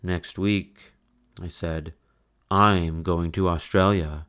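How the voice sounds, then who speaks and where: A man's voice: deep voice, steady tone, takes it slowly, fairly bright tone. A man narrating a children's picture book aloud, telling it in the first person with dramatic, aggrieved emphasis.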